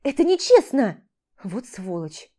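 Woman reading a sharp-tongued young heroine. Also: fairly high pitch, lively intonation, voice pushed up. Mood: indignant. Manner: quick retorts, scolding.

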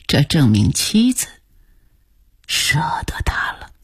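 A woman reads a story aloud for radio, slow and unhurried, with a low, very breathy voice. Her pitch rises and falls widely, and she often drops to a near whisper. The sound is close and dry, with no room echo. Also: big pitch swings. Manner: slow, hushed reading that often sinks to a whisper. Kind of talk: scripted narration for a radio story program.

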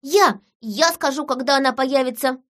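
A woman's voice: high-pitched, moderate pace, voice pushed up, lightly acted. Woman doing a small brave cherry tree. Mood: earnest.

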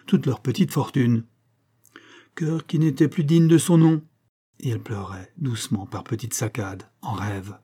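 A man reading a classic short story aloud in a measured, expressive way. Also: mid-range voice, breathy edge. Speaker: audiobook narrator. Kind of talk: literary audiobook reading.

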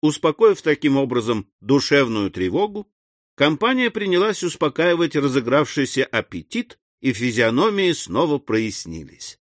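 A man narrating a comic classic audiobook with a lively, expressive reading. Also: medium pitch, moderate pace, dry recording, clean studio sound.

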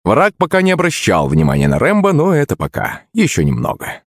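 A man narrating a first-person story in a lively, acted way. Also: on the high side, fairly quick, no room sound, clean studio sound. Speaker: audiobook narrator.

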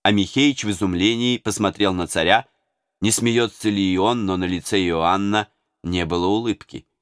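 A man's voice: lowish voice, normal speed, fairly bright tone, clear, resonant tone, no room sound, studio quality. A man narrating a historical novel as an audiobook in a dramatic storyteller's cadence. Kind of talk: expressive literary narration.

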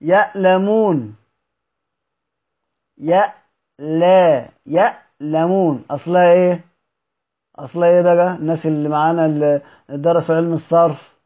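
A man with an Egyptian Arabic accent teaching Quran recitation in a recorded lesson. He asks questions, answers them himself and draws out example words slowly. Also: a little high, level tone, highs cut off.

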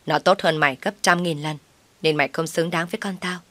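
A woman's voice: fairly even intonation, a little fast, a bit bright, no echo. A woman voicing a scolding older mother-in-law who nags and shrieks in a raised voice. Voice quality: shrill, nagging.

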